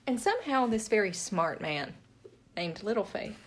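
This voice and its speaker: A woman's voice: medium pitch, sing-song, moderate pace. A woman co-hosting a podcast, chatting casually about a book, joking and laughing often. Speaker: podcast co-host. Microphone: podcast mic.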